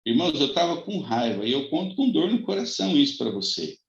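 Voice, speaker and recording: A man preaching as a pastor, telling a personal testimony with dramatic swings between high cries and soft low passages. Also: big pitch swings, fairly quick, gravelly. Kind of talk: sermon testimony. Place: church. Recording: echoey, dull lo-fi church recording.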